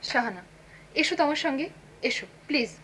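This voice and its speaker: Soft placating young wife, high quick voice, noisy old tv tape. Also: female voice, animated. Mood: soothing. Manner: gentle, placating. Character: calm, soothing young wife. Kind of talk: 1980s TV drama acting.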